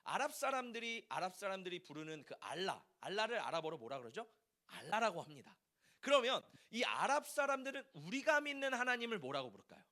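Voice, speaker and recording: A man's voice: high-pitched, very animated, fairly quick, bright, forceful tone. A male pastor preaching a Sunday sermon in a church, asking the congregation questions as he goes. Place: church sanctuary.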